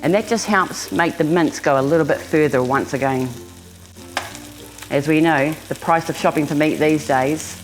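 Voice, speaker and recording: A woman's voice: sits low, moderate pace, poor audio. A woman with a New Zealand accent hosting a home cooking demonstration, talking casually and informally to viewers as if they were family. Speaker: home cooking show host.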